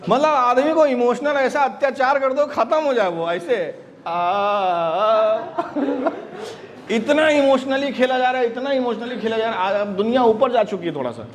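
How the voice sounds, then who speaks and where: A man teaching an acting class in a lively lecture style, acting out bits of dialogue with laughs along the way. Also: extremely high pitch, fairly quick, hardly any pauses. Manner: animated, acts out quoted dialogue with laughs. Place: classroom with students.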